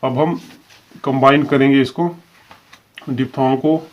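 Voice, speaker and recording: A man's voice: medium pitch, steady tone, measured pace. A man teaching a shorthand lesson, explaining each example patiently and repeating his phrases, drawing out the example words. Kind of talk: step-by-step video lesson. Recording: dull, lo-fi recording.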